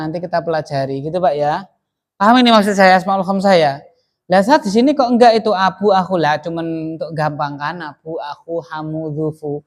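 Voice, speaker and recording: A classroom teacher with a Javanese accent leads a grammar lesson in an ordinary middle-pitched voice. The teacher keeps prompting the class with short questions and echoes their answers back. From Central Java, Indonesia.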